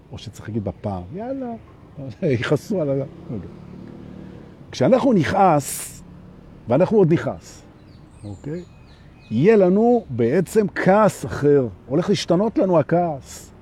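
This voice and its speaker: A man giving a live-streamed spiritual talk on anger, animated, who repeats phrases for emphasis and keeps asking his listeners "right?". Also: a little high, pauses often, husky. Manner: acts out little everyday scenes. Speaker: spiritual teacher.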